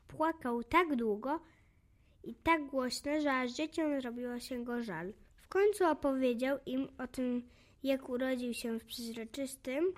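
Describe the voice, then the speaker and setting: A woman narrating a children's story in an expressive, gently animated way. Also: high-pitched.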